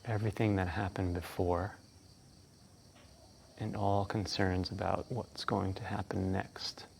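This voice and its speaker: A man leading a guided breathwork meditation as instructor, speaking in a calm, hushed, unhurried way with long pauses. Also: low voice, creaky, slight background noise.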